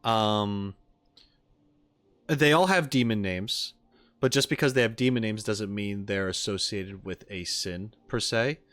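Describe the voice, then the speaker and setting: Music runs in the background as a streamer casually fields viewer questions, wandering into speculation. He has a lowish, slightly bright voice, keeps a measured pace, and the sound has no echo.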